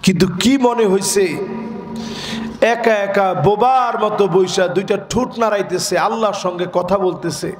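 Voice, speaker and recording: A man preaching a sermon, moving between sung chanting and shouted peaks. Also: high-pitched, unhurried. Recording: echoey open-air PA sound.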